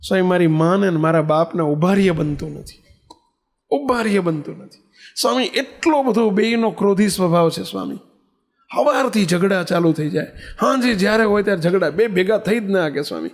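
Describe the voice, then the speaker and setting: A man's voice: sits high, brisk. A man with a Gujarati accent giving a sermon as a swami, telling stories and acting out the dialogue, repeating phrases for emphasis. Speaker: swami giving a religious discourse. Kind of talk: sermon with storytelling.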